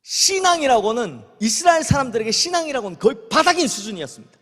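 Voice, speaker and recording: A man's voice: extremely high pitch, sing-song, quick pace, fairly bright tone, husky. A man preaching a sermon as senior pastor, telling the story vividly and acting out the voices he quotes. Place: church sanctuary. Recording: long church hall reverb.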